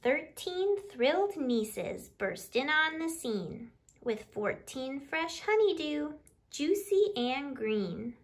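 In a small living room by the window, a few feet from the camera, a woman in her thirties reads a picture book aloud for a children's library storytime. Her high voice is sing-song and expressive, and she takes her time.

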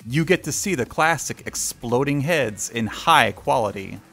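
A man's voice: medium pitch, expressive, a little slow, gravelly, fairly bright tone. A man reading a scripted anime review as narration. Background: faint music.

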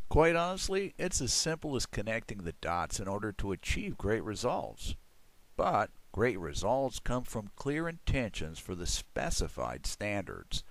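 A middle-aged man reading a scripted promotional voice-over for his pool building firm in a measured, persuasive way. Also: low voice, gravelly. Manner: measured, persuasive salesman delivery.

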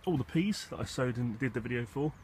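Fast and with lively intonation, an English gardening vlogger with a darkish tone rambles through his allotment and polytunnel, thinking aloud in a low-key, slightly hesitant manner. Wind and a background rumble run through the noisy handheld recording.

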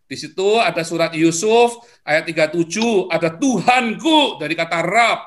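A man's voice: sits high, animated, normal speed. A man in a heated debate, pressing persistent questions politely.

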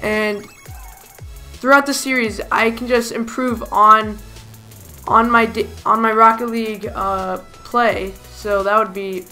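A hoarse woman giving chatty, self-deprecating commentary over her own gameplay as a gaming YouTuber. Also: fairly high pitch, steady tone, slow pace, pushed and bright, soft background music. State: hoarse, lost voice.

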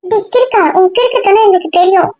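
A woman's voice: very high voice, quick pace, a little mellow, dry recording, muffled recording. A woman in casual family banter, scolding and exasperated with her relatives.

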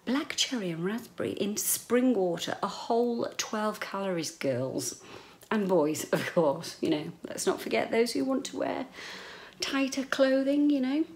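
Filming herself at arm's length with a handheld camera in a small echoey home bedroom, a middle-aged British woman chats to camera in a rambling, playful, slightly sweary way. She speaks unhurriedly at medium pitch with lively intonation.

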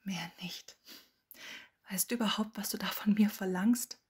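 A woman's voice: mid-range voice, fairly even intonation, a little fast, a little mellow, breathy edge. A woman reading the part of a furious, proud young witch in an audiobook, angry, tearful and defiant.

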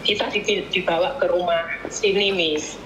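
A woman's voice: fairly low pitch, steady tone, a little slow. A woman in her forties telling her story in a casual interview, rambling and often acting out the voices of others. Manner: meandering, acts out quoted voices, repeats "Miss". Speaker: interview guest, former domestic worker. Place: small home room. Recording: roomy, dull, noisy room recording.

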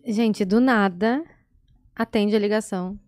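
A woman's voice: medium pitch, measured pace, a little mellow, no room sound. Brazilian woman, close and dry studio sound. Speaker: podcast co-host. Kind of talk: casual chat. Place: small podcast studio. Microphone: close boom-arm podcast microphone.

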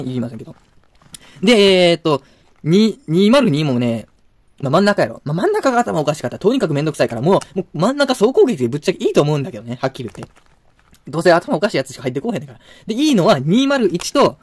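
A man's voice: on the high side, no room sound. A man with a Kansai accent, ranting angrily to camera with insults and frequent restarts. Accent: Kansai Japanese. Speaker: video blogger. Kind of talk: angry rant to camera.

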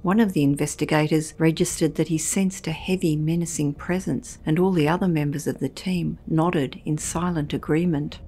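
Low-voiced woman narrating eerie tales. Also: steady tone, mellow, slight background noise. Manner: measured, ominous storytelling. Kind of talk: scripted documentary narration.

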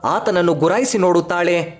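A man narrating an emotional family story in a calm, measured storytelling voice. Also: high voice.

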